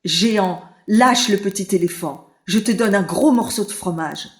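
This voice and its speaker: A woman's voice: medium pitch, a little slow, roomy sound, natural voice. A woman voicing a brave little male rat who believes he is an elephant, earnest and kind in a children's audiobook. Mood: pleading.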